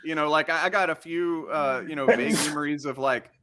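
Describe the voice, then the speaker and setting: A man's voice: a little high, steady tone, a little fast, a bit bright, clean tone. A man on a video call answering in a hesitant, hedging way, with lots of "you know". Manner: hesitant, hedging, filler-heavy. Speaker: panel guest. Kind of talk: casual chat.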